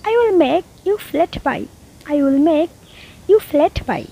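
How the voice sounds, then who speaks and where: A very high, lively voice belongs to a woman, a Bengali speaker teaching spoken English. She reads each sentence very slowly and deliberately, repeating it twice. A faint hiss of background noise sits under her voice. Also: gravelly. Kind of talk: slow, repeated phrase-by-phrase teaching.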